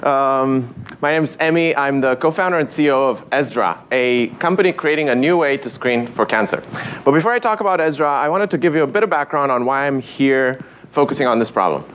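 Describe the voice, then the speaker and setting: A startup founder from Romania, giving a conversational pitch talk on stage with fillers and dry asides. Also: male voice, animated, a little fast, fairly bright tone, slight background noise.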